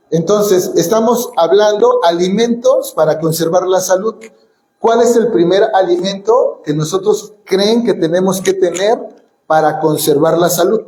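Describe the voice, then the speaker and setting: A man with a fairly high voice lectures to an audience and keeps asking them questions. He leads them through call-and-response breathing drills. His voice rings around a large echoey hall. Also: a little mellow. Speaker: martial arts teacher giving a talk. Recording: roomy hall echo.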